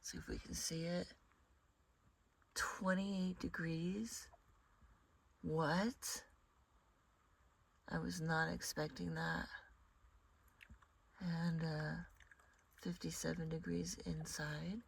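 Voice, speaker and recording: Husky, gravelly woman, groggy and slow. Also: on the low side, flat delivery. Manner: soft-spoken, chatty, often hushed. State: groggy morning voice. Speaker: vlogger. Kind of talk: casual vlog chat. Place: inside a small car camper in a pine forest.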